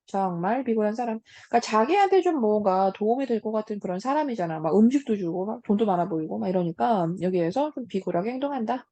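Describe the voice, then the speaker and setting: A woman teacher giving a casual lecture on a classic story, talking straight to her students with many soft hums between points. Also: medium pitch, expressive, quick pace, hardly any pauses, dry recording. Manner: casual, talks to students as 얘들아 with frequent hums.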